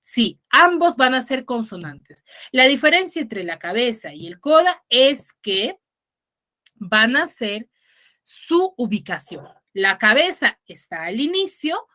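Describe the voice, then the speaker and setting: Bright-voiced woman teaching online. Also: medium pitch. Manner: checks understanding with frequent "ya?" and questions students; patient, explanatory, stresses key words.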